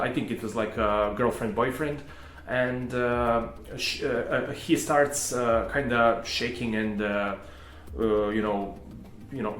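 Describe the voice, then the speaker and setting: A man's voice: medium pitch, a bit bright. Hesitant man in his thirties. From Serbia. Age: 30s. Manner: hesitant, rambling with many restarts. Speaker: channel host. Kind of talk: casual personal storytelling. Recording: echoey room with faint music.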